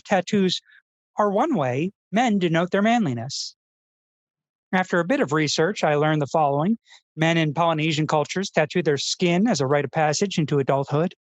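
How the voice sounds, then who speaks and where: A performer plays an earnest, self-serious male public radio host in a scripted feature parody, speaking in a pensive, pompous, awkwardly polite way. The mid-range voice is lightly acted and the recording has no echo.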